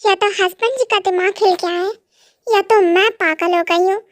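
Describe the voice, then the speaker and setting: A woman's voice: extremely high pitch, fairly even intonation, normal speed, dry recording, studio quality. A woman voicing a frightened young wife in an amateur fan dub, pleading tearfully and stammering.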